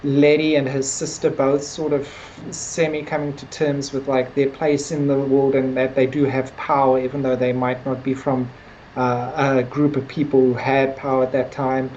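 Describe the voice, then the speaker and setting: A woman with a rumbling low, dark voice co-hosts a casual podcast reviewing a TV series, speaking at normal speed with a flat delivery. She hedges constantly, leaning on "like" and "sort of." The recording has its highs cut off and a little hiss or hum.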